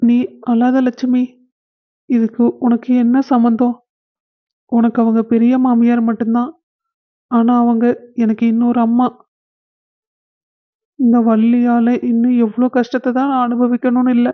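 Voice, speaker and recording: A touchy husband who scolds and sulks, as the performer puts him on, with a Kongu Tamil accent. His voice stays flat. The recording sounds dull and lo-fi. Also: extremely high pitch, unhurried, long pauses. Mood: sulky. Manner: scolding, sulky. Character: touchy grown husband and brother.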